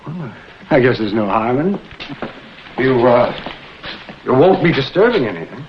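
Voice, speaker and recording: An actor voices a folksy, talkative morgue attendant in an old American detective drama, rambling along without hurry in a casual, morbid mood. His mid-range male voice is sing-song yet close to everyday speech, heard through a muffled vintage soundtrack with faint noise.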